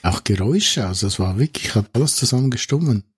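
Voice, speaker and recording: Very husky man chatting casually. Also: medium pitch, expressive, fast talker. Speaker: podcast co-host. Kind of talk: casual chat, retelling a story.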